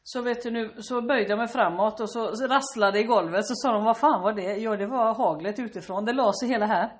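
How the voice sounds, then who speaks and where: A woman in improvised comic banter, rambling, teasing and swearing freely. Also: on the high side.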